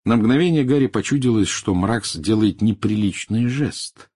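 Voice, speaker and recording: A man narrating an audiobook in a steady storytelling manner. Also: on the low side, normal speed, husky. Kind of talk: scripted narration.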